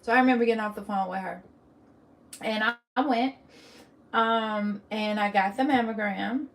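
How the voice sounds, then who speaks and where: A woman's voice: medium pitch, moderate pace. A young woman telling a personal story on her vlog, emotional and candid, often restarting her sentences. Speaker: vlogger.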